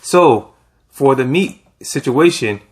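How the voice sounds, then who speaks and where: Man, mid pitch, slow and rambling delivery, loud casual chat. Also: lively intonation.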